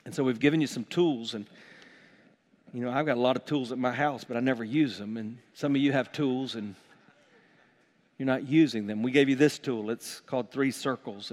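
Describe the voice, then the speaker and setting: A middle-aged pastor preaching a sermon in a church, his voice swelling from quiet to loud. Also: mid-range voice. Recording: long hall reverb.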